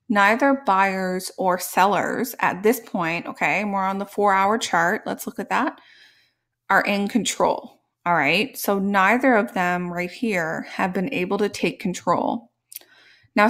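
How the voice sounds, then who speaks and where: A woman explains things as a casual tutorial host. Her mid-pitched voice sounds slightly congested from a sore throat. She often checks in with the listener using short tags like okay and right. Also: fairly bright tone. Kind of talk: casual tutorial explanation over live charts.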